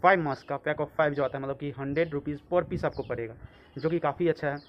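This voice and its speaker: Man talking fast through a face mask. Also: on the high side, steady tone. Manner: casual, with lots of verbal filler. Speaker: product reviewer. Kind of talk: casual product review vlog. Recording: dull, muffled lo-fi sound.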